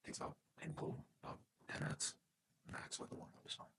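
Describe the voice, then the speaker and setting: A man's voice: a little fast, pushed and bright. A man talking casually and loosely in a fitness vlog, with the odd swear. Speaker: fitness vlogger.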